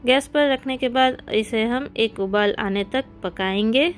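A woman hosts a cooking video and narrates each recipe step in a friendly, guiding voice-over. Her voice sits fairly high. Faint background music plays under her. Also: unhurried. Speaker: cooking channel host.

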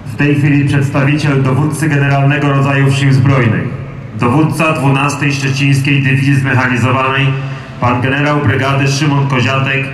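A man's voice: mid-range voice, level tone, normal speed. A man making formal scripted announcements as the master of a military ceremony. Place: outdoors on a town square. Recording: very echoey outdoor PA, faint noise.

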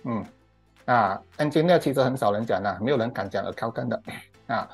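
A man's voice: mid-range voice, expressive, brisk, vocal fry, husky, faint music behind. A middle-aged man with a Malaysian Mandarin accent gives an emphatic, ranting commentary on current affairs, stretching out "ah" particles and mixing in English words. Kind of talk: opinionated monologue commentary.

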